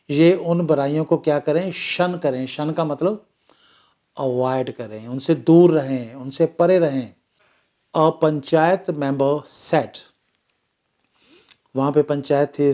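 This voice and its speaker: A man with an Indian accent teaching a newspaper-reading lesson, reading English phrases slowly and explaining them in Hindi while asking and answering his own questions. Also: a little high, a little mellow.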